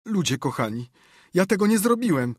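A man's voice: medium pitch, lively intonation, unhurried, a little mellow, dry recording, clean studio sound, pitched above the performer's own voice. A man voicing a desperate middle-aged drunkard, pleading through sobs in an audiobook. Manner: pleading, sobbing. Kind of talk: audiobook character reading.

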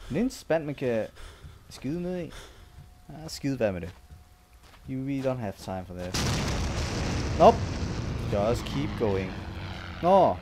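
A young man with a Danish accent, talking through a horror game in a casual, easily startled way. His voice sits at an ordinary middle pitch, and English slang slips into his talk. A faint hiss runs under the recording. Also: very animated, pauses often. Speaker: gaming YouTuber. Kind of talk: horror game let's play commentary.

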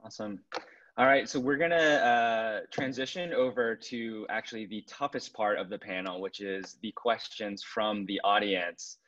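Guy in his 30s hosting a panel Q&A, lowish voice, kinda muffled sound. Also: moderate pace, a bit bright. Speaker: panel moderator. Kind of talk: moderating audience questions. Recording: muffled webcam audio.

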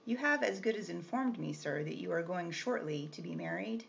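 A woman's voice: fairly low pitch, expressive, normal speed, gravelly. A woman reading the part of a composed young governess, polite but firm and restrained. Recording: slightly muffled with faint hiss.

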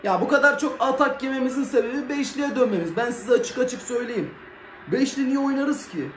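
A high-pitched man calls a football match live as he watches, jumping from yells to low grumbling in loose slang. He is in an echoey room with faint ambient noise behind him. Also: brisk. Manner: excitable, swings between shouting and grumbling, casual slang. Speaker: football fan reacting to a match. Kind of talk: live match reaction commentary.

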